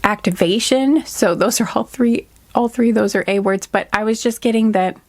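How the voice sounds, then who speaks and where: A woman's voice: medium pitch, moderate pace. A woman with a stuffy, congested nose gives a casual spiritual reading, rambling off on tangents with many hesitations and self-corrections. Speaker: intuitive card reader.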